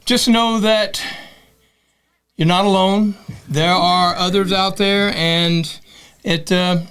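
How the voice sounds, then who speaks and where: A man's voice: high voice, fairly even intonation, takes it slowly, fairly bright tone, clear, resonant tone. A man playing a cheerful, kindly Santa Claus guest on a podcast, talking in a reassuring, easy way. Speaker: guest in costume. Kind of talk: casual podcast chat.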